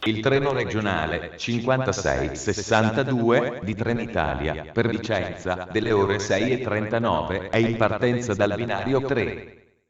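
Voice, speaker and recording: Echoey, flat formal male station announcer. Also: fairly low pitch, measured pace, distant mic. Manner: flat, formal, segmented phrasing. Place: train station public address system. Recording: echoey dull station loudspeaker from afar.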